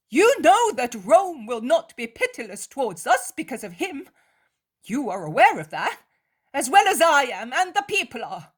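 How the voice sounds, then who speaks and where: A woman reads aloud the part of an anguished, guilt-torn man who cries out as he pleads and accuses. The voice is high and swooping, ranging wildly, slow and leaning hard on each word, impassioned and shouting.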